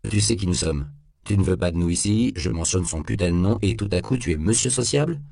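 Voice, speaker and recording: A man's voice: deep voice, animated, fairly quick, vocal fry, a little mellow, dry recording, clean studio sound. Man doing a sardonic, hard-nosed detective. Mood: needling. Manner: cool, needling interrogation tone. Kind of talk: audiobook character voice.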